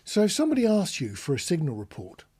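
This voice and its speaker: A British marine radio instructor gives an informal, hands-on tutorial with practical demonstrations, explaining plainly and illustrating points with anecdotes. His voice is fairly high, husky, and lively in pitch, and he speaks quickly.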